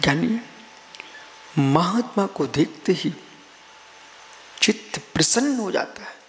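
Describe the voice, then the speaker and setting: A slow, high-voiced man from India preaching a live sermon, rolling his phrases in repeating, chant-like rhythms and calling out to listeners by name. His voice rings with the long reverb of a large hall. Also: expressive, fairly bright tone, a little hiss or hum. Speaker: Jain monk preacher.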